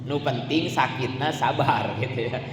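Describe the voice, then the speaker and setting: In a mosque or prayer hall with an echo and slight room noise, a man preaches at a religious study gathering in a medium-pitched, slightly slow voice. His speech is colloquial, full of rhetorical questions and a constant "ya."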